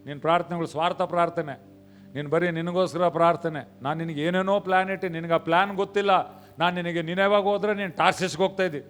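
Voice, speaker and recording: A male pastor preaching a sermon in a church, mixing in English phrases, swinging from quiet acted dialogue to shouted peaks. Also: high-pitched, steady tone, quick pace, soft background music. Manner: mixes English phrases into Kannada.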